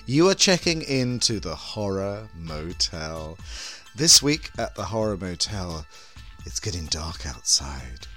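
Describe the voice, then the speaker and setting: A man's voice: sits low, very animated, sharp tone, soft background music, pitched below the performer's own voice, exaggerated voice. Man as a campy femme fatale horror hostess, theatrical swoops. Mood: sultry, theatrical. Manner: campy femme fatale, drawn-out, teasing delivery. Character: glamorous drag queen horror-movie hostess, theatrical and sultry. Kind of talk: theatrical show introduction.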